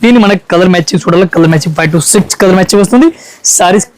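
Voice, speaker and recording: Male saree salesman, high pitch, very fast, repetitive patter. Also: low-quality recording. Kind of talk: product showcase pitch.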